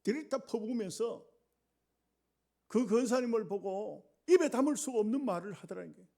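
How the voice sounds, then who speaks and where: A male pastor preaching a sermon, telling a story dramatically and often letting his voice sink low and quiet. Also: animated, normal speed, creaky.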